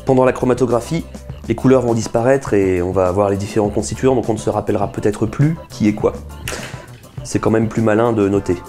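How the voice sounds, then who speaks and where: With a mellow, mid-range voice, a man in his thirties explains and carries out a chemistry experiment for a science video. He sits at a table in a small indoor room, and his teaching is keen and chatty.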